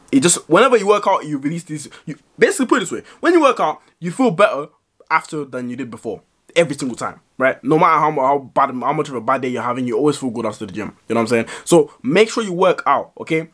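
A young man speaks straight to his viewers in a vlog. His voice sits a little higher than most men's. He is blunt and emphatic, swears freely, and keeps checking in with "right?" and "you know what I'm saying?". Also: fairly bright tone. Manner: blunt, profane, emphatic, with frequent "right?" tags. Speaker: vlogger. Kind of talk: direct-to-camera advice vlog.

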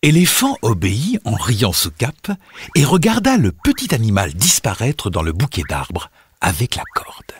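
Expressive male storybook narrator. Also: on the low side, normal speed.

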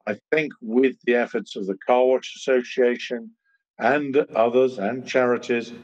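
An older British man on a video call, speaking as a panelist in a measured way, with many pauses and fillers. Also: mid-range voice, steady tone. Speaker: trade association chairman, panelist. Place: home study, indoors. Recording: muffled video-call audio.

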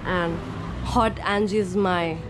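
A woman's voice: fairly low pitch, steady tone, slow pace, background noise. A young woman vlogging casually in a small grocery shop, joking with her friend and the viewers. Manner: playful, joking, talks to viewers. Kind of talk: casual vlog chat. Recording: background music over the sound.

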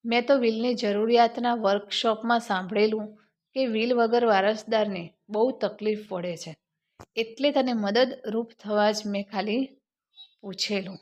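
A woman's voice: a little high, steady tone, a little slow, darkish tone, lo-fi sound, close to an everyday voice. A woman voicing a brave, earnest young husband in a spoken story. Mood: apologetic. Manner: earnest, reassuring.

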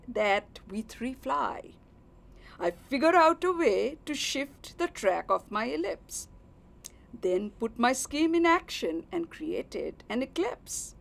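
A woman reciting a rhyming poem in a rhythmic, expressive way. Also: mid-range voice, creaky. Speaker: poetry reciter. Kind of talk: poetry recitation.

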